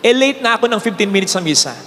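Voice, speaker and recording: A Filipino priest with a very high male voice gives a fast, animated homily in a large church, swinging from high exclamations to low, hushed lines as he tells stories. The recording has long church reverb and a faint hiss.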